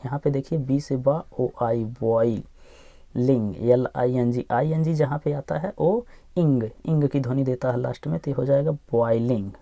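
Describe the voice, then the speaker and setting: A man teaching English phonics, sounding out each letter slowly and repeating every word. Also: medium pitch, vocal fry, mellow, no room sound. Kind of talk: slow phonics lesson, spelling words aloud.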